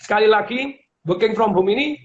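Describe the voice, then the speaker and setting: Animated high-voiced middle-aged man. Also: brisk. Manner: animated, laughs often, acts out quoted lines. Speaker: guest speaker and author. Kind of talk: casual advice talk. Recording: dull lo-fi audio with faint hiss.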